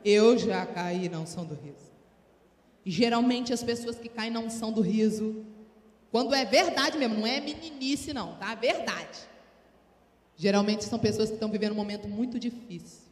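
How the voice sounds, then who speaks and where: Animated Brazilian woman preaching in an echoey hall. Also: moderate pace. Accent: Brazilian Portuguese. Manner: calls for audience responses; animated, sudden rises in pitch and volume. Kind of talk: sermon. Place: church hall. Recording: echoey hall with long reverb.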